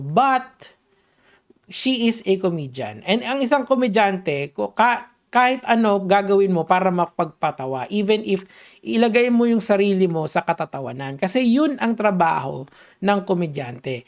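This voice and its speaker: A woman's voice: mid-range voice, animated, normal speed. Woman ranting over a clip, mocking, sarcastic, mixes tagalog and english. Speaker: commentary vlogger. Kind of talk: reaction commentary.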